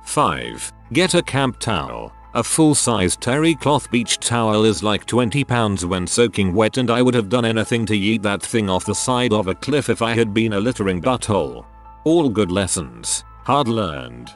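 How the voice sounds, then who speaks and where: A man narrating forum stories in a steady scripted reading. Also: lowish voice, normal speed, faint music behind.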